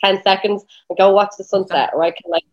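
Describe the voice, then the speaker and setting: An Irish woman in a casual chat as a guest, talking fast and loose with lots of "like" and plenty of swearing. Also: mid-range voice, steady tone, highs cut off. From Ireland. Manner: rapid, chatty, peppered with swearing and "like". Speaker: guest, spray tan business owner.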